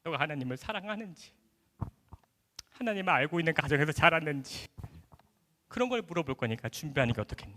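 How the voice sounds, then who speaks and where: A gentle, caring mother speaks in a hushed, lowered, coaxing voice, as a man acts her out in his story. The sound carries a long, echoey hall reverb. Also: sing-song, quick pace, pauses often, a little hiss or hum. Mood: tender. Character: gentle soft-spoken older mother, caring.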